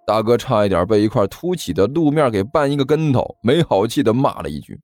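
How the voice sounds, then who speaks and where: A man narrating a serialized story in a lively, dramatic storytelling way. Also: mid-range voice, fairly quick, dry recording, faint music behind.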